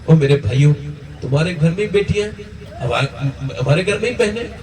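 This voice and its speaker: A man's voice: on the high side, lively intonation, darkish tone. A male preacher delivering an impassioned sermon with emotional storytelling, heard through a distant mic in an echoey hall.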